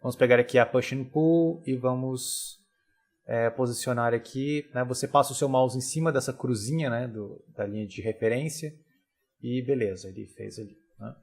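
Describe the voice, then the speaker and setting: Relaxed man explaining software. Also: mid-range voice, moderate pace. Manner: relaxed, frequent tag questions and fillers. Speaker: software tutorial instructor. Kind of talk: casual screen-recorded tutorial.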